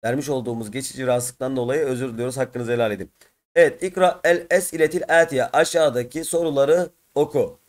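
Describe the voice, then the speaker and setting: A hoarse man teaching a textbook lesson, reading short foreign phrases and translating them word by word for his students. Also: on the high side. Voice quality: rough-edged. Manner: reads Arabic phrases then translates them word by word, addressing students as friends.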